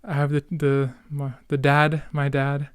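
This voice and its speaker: A young man from Canada, late teens or young adult, reminisces on his solo podcast in a rambling, casual way, cutting himself off and using youthful slang. He speaks unhurriedly in a monotone, on the high side, with a clean tone on a dry, studio-quality recording.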